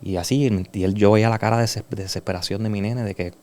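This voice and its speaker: A Puerto Rican man giving an earnest, emotional personal testimony as a guest in a conversation, dropping soft and slow at heavy moments. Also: lowish voice, steady tone. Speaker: podcast guest.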